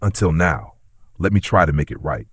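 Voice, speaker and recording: A man's voice: very deep voice, expressive, normal speed, a bit bright, husky, no echo, clean studio sound, exaggerated voice. A man reading the lines of a desperate, drunken estranged father in a story narration. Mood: pleading. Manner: pleading, slurring.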